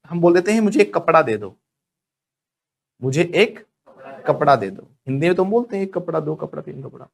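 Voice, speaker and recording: A man teaching spoken English to a live class. He drills students with call-and-response prompts and slows right down on the model English phrases. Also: high voice, a little mellow.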